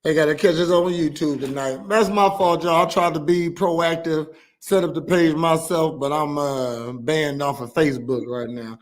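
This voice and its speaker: A man's voice: fairly high pitch, steady tone, normal speed, hardly any pauses. A man hosting a casual podcast, rambling with lots of fillers and restarts. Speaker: podcast host.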